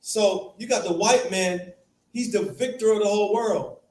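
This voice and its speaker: A fairly high-voiced man leads a scripture class with emphatic delivery. He keeps firing questions at the room. He sits some way off the mic in an echoey space with faint background hum. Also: moderate pace, darkish tone, recorded from a distance. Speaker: Bible class teacher.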